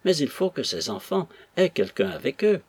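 A man reading aloud and voicing a gentle older mother who fusses at her husband mildly. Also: on the high side, very animated, moderate pace, vocal fry, breathy edge, no room sound, voice pushed up, full character voice. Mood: fussing. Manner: mildly reproachful.

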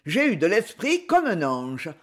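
A man's voice: high voice, a little slow, full character voice. A man voicing a mischievous, jovial old general in an audiobook. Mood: gleeful. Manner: lively, jovial, laughing delivery.

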